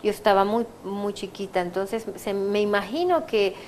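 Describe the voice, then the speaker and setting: A woman with a Guatemalan accent speaks as an excitable guest, laughing often and stumbling over her own words. Her voice sits at an ordinary middle pitch. A faint hiss of noise lies under the recording. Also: moderate pace. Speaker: guest giving a testimony. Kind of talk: casual interview chat.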